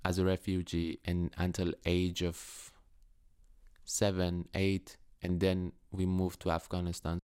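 Speaking slowly in a low, monotone voice with a darkish, clean tone, this Farsi-speaking Iranian musician in his 30s recounts his life in an interview. His English is hesitant, marked by fillers and restarts.

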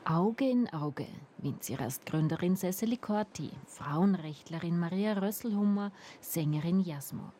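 A woman reading a radio feature report in an even, measured way. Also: lowish voice, slight background noise. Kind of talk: scripted feature narration.

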